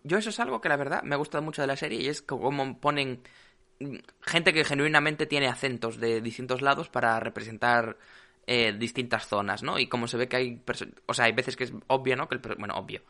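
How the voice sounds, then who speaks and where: A man talking casually on a podcast. His voice is bright and forward, and he rambles along, circling back with fillers and half-started words. Plain pitch for a man. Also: brisk. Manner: rambling, full of "o sea" fillers and restarts. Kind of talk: casual chat.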